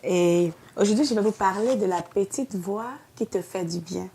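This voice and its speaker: A woman's voice: medium pitch, moderate pace, mellow, slight background noise. A woman pastor with a Québécois French accent giving an earnest devotional sermon, pleading and then rising to emphatic outbursts.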